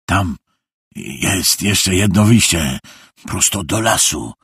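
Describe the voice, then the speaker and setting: A man voicing an older male lawyer who speaks in a low, calm, measured way. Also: slightly rough, no room sound, studio quality, exaggerated voice. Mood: calm, tense.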